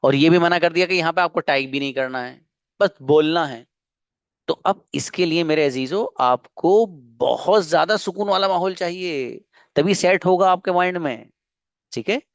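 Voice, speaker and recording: A man's voice: fairly high pitch, moderate pace, clear, resonant tone, no room sound, muffled recording. A man teaching an online spoken English class, coaxing and earnest, often repeating himself.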